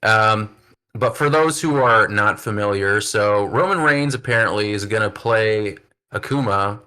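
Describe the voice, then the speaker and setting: A man's voice: fairly low pitch, unhurried, bright, forceful tone, clear, resonant tone. A man hosting a wrestling podcast, chatting casually in an upbeat, filler-heavy way. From United States. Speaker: podcast host. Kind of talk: casual chat.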